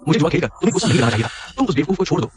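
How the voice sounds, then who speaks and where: A jealous, cruel thug. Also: male voice, fairly high pitch, very animated, very fast, crowd noise. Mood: pleading. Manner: threatening, taunting.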